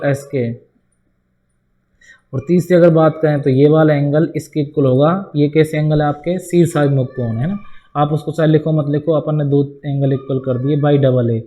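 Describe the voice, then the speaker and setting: In a slightly high, dark-toned voice, a man teaches a board-exam maths lesson. He narrates each step, throws questions at the class that he answers himself, and keeps calling the students "bhai."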